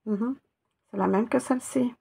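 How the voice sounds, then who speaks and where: A woman's voice: on the high side, moderate pace, vocal fry, dark tone, slightly rough. A woman teaching Arabic letters one by one, patiently spelling out each sound and repeating it. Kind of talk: step-by-step reading lesson.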